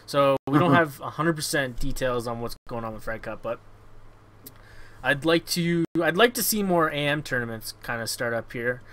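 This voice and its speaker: A man's voice: medium pitch, moderate pace, fairly bright tone. A man hosting a casual gaming podcast, blunt and sweary, often repeating words as he goes. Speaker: show host.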